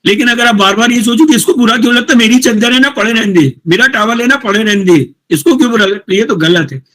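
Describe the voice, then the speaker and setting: A man, a college principal, giving a talk to teachers, reading English points slowly and explaining them conversationally. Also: very high voice, fairly bright tone. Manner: casual, addresses listeners directly with questions. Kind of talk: motivational lecture to teachers.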